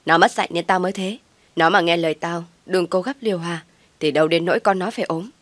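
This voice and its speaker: A woman's voice: fairly low pitch, steady tone, fast talker, no room sound, lightly acted. A woman voicing a spiteful older mother-in-law who scolds abusively, read in a storybook narration. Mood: scolding.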